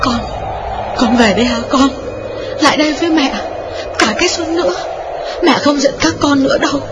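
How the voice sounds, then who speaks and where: A man's voice: very high-pitched, moderate pace, very noisy, voice pushed up. A man voicing a sobbing grieving mother in her fifties. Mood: tender pleading. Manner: sobbing, stammering pleas.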